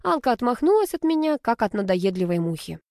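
A woman narrating a first-person novel as an audiobook, in a lively storytelling manner. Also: fairly high pitch, a little fast, dry recording, studio quality.

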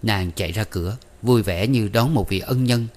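A man with a fairly low voice reads a novel aloud as scripted narration. His pace is measured and even as he carries the story. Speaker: audiobook narrator.

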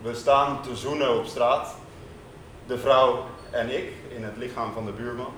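Male stage performer, first-person monologue; slow, intense, rhythmic, pausing hard. Recorded live from a distance in an echoey room. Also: mid-range voice, fairly even intonation, fairly bright tone, a little hiss or hum. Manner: intense, rhythmic, with dramatic pauses. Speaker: performer reading a literary monologue. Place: stage in a music venue.

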